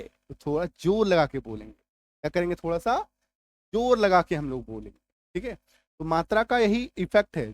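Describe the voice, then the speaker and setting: A man teaching a lesson patiently. He repeats points, drills sounds slowly and keeps checking whether listeners follow. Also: high-pitched, no echo. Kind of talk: explanatory classroom-style lesson.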